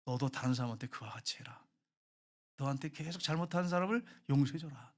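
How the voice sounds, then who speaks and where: Soft slow gentle lord voice, forgiving and tender, a pastor putting it on mid-sermon. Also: male voice, mid-range voice, natural voice.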